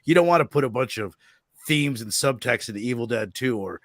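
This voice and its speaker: A young man hosts a casual movie review chat, lively and talkative. He often breaks into exaggerated voices to act out scenes. His voice is mid-pitched and recorded dry and close. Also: brisk, dry recording. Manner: animated, acts out movie lines in exaggerated voices. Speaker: podcast host.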